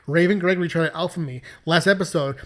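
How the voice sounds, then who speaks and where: Fast and a little high, this man in his thirties co-hosts a comedy podcast. He rants in animated, exaggerated bursts and swears freely throughout the casual chat.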